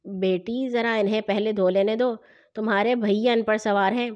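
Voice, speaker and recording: A woman voicing a gentle, kindly father speaking softly in a children's story. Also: medium pitch, fairly even intonation, lo-fi sound, lightly acted. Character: gentle middle-aged father. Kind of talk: storybook reading.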